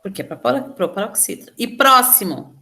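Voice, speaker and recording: Brazilian woman, teacher, slightly high voice, patient step-by-step explainer who quizzes the class. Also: lively intonation, brisk, creaky, sharp tone. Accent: Brazilian Portuguese. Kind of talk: online class lesson.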